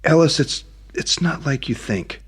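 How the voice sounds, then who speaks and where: A man's voice: on the high side, animated, a little slow, husky, pitched above the performer's own voice, full character voice. A man reading an audiobook, voicing a tearful, anxious young woman who pleads emotionally. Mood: pleading.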